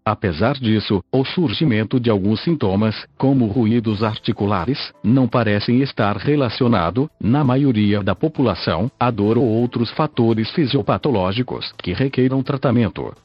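Synthesized Brazilian male narrator, husky and lo-fi. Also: mid-range voice, normal speed, hardly any pauses, no echo. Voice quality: synthesized text-to-speech voice, like an old speech synthesizer. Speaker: podcast narrator. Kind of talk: scripted narration, reading an article. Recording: dull lo-fi audio with faint music.

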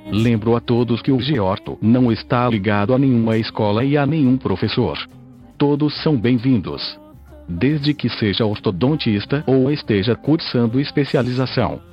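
A computer-generated male voice hosts a podcast and reads out a scientific article. The delivery is measured and even, at a middling pitch. The recording sounds dull and lo-fi, with faint music playing underneath. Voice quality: synthesized voice. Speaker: podcast host. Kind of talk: reading a scientific article aloud.

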